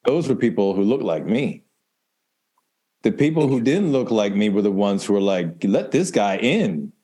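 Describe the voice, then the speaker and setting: A man with a deep, boomy, bassy voice talking casually and emphatically, often repeating himself. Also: animated, moderate pace, dark tone. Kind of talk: casual conversation.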